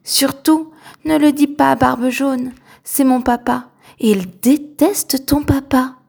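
An eager young cabin boy from a storybook, as a woman reads him out. The voice sits high and lifts with hope, friendly and quick to warm up. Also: fairly even intonation, creaky, slightly rough, heavily acted.

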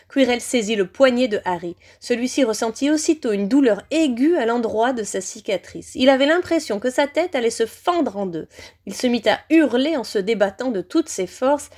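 A woman reading a fantasy novel aloud in an expressive, dramatic narration. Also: on the high side. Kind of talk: audiobook narration.

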